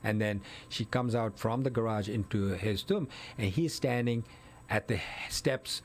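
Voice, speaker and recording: A man's voice: lowish voice, measured pace, a little hiss or hum. A man telling a case in step-by-step detail in a casual conversation, correcting himself as he goes. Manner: detailed step-by-step retelling, with self-corrections and fillers. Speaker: guest recounting a murder case. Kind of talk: conversational storytelling.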